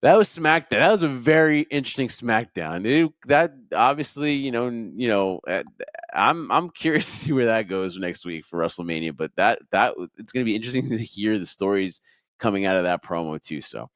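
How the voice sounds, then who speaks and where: A man co-hosting a podcast, chatting casually about wrestling in a rambling, animated way. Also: on the low side, fairly quick, no echo, studio quality. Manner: animated, rambling, laughs often. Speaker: podcast co-host.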